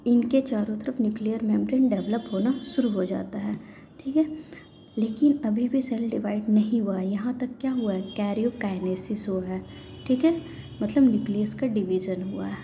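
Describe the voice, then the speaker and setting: A woman teaching biology, explaining step by step in a patient lecture style with frequent pauses. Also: mid-range voice, vocal fry, warm tone. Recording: faint background noise.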